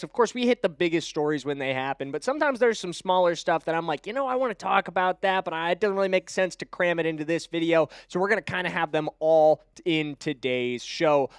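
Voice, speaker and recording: A man's voice: fairly high pitch, clean tone, no room sound, studio quality. A young man hosting a football news show, talking with enthusiastic, emphatic fan energy. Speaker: sports podcast host.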